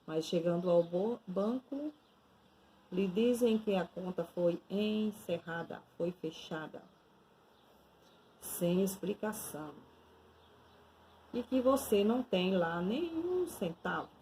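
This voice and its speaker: Slow, mellow woman storyteller. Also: medium pitch, animated, a little hiss or hum, poor audio. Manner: slow, dramatic second-person storytelling. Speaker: nun giving a devotional. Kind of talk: devotional storytelling.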